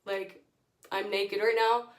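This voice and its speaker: A hoarse woman with her voice nearly gone, giving a chatty, informal product review as a beauty vlogger. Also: mid-range voice, flat delivery, slow. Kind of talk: casual product review to camera. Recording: echoey room.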